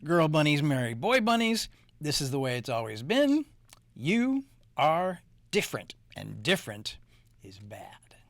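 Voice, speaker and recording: A self-important stink bug who bellows his rules in a raised, tense voice, as a man puts him on. His lines swoop high and stretch out slowly, the way a storybook bully talks. It sounds close and dry, with no room around it. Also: big pitch swings, no echo. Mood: haughty. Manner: booming, shouting, drawn-out. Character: pompous bossy male stink bug in charge.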